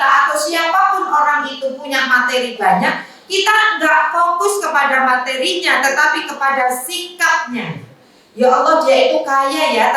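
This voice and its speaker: A woman's voice: high voice, sharp tone. A woman religious teacher giving a conversational study lecture, mixing in jokes and asides. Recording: echoey room, voice from far off.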